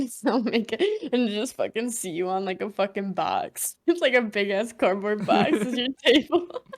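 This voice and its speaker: A woman's voice: mid-range voice, lively intonation, a little slow. A young woman co-hosting a casual podcast, telling rambling, profane anecdotes and giggling often. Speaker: podcast co-host.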